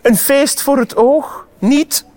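A vain little salamander sniffs and shows off in a thin, high voice, as a Flemish man puts him on. He sounds proud and disdainful, a small storybook creature. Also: wildly swooping pitch, very slow, exaggerated voice.

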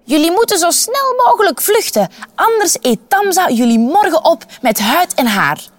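A woman's voice: extremely high pitch, big pitch swings, moderate pace, voice pushed up. A woman voicing a helpful talking donkey who urges the children to run. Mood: urgent.

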